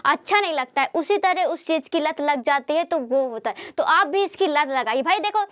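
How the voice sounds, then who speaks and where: A woman's voice: high voice, lively intonation, moderate pace, no echo, studio quality. A woman teacher giving a chatty motivational study lesson, often repeating herself and asking rhetorical questions.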